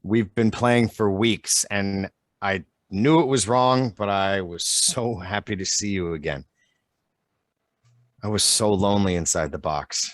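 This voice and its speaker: A man plays a worn-out young man who speaks slowly and heavily, his voice low. The sound is dry and close, from an online play reading. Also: no echo, close to an everyday voice. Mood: weary. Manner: slow, tired and strained. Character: weary young man leaving home. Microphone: video call.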